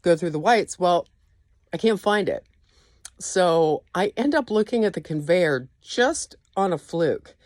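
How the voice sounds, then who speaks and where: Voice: medium pitch, animated, a little slow, no echo, studio quality. A person giving an informal staff training walkthrough as a store trainer, instructive and often checking in with the listener.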